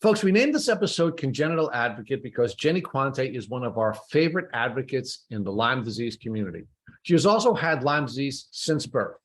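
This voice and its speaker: A podcast host with a medium-pitched, sing-song voice gives enthusiastic introductions. His questions are measured and deliberate, broken by small "uh" pauses.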